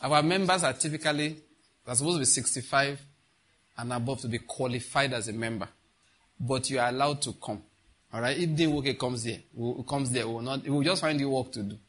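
A man's voice: medium pitch, a little fast, fairly bright tone. A middle-aged man preaching a sermon as pastor, emphatic, repeating key phrases and putting questions to the congregation.

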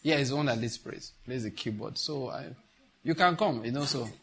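A man's voice: mid-range voice, brisk, vocal fry, a bit bright, slightly rough. A middle-aged man preaching a sermon as pastor, emphatic, repeating key phrases and putting questions to the congregation.

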